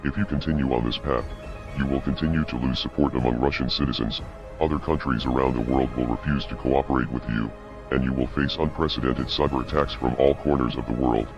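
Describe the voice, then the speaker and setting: A man reading a scripted statement as an anonymous activist spokesperson in a disguised, pitched-down voice, cold, measured and ominous. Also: steady tone. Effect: disguised, pitched-down deep voice. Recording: dull lo-fi audio, music behind.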